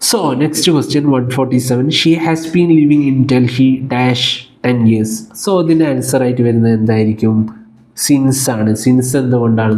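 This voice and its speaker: Malayali guy tutoring, mellow dark voice, reads the english questions slow then asks himself what the answer is. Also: medium pitch. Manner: explains step by step and asks himself rhetorical questions; mixes English words into his Malayalam talk. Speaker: exam tutor. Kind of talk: teaching lesson, solving exam questions.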